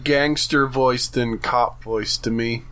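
A man's voice: mid-range voice, steady tone, slow, fairly bright tone, a little hiss or hum. A man co-hosting a podcast, giving chatty critical opinions about a cartoon episode. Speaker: podcast co-host. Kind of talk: casual chat recapping a cartoon episode.

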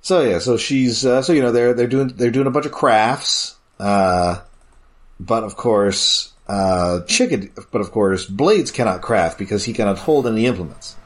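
Low-voiced deadpan man. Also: normal speed. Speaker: podcast co-host. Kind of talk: casual chat, recapping an episode.

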